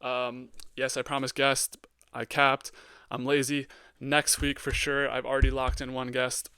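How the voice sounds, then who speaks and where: A young man hosting a solo sports podcast, giving blunt hot takes with lots of ums and getting excitable. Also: mid-range voice, measured pace, clean tone, no room sound. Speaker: podcast host.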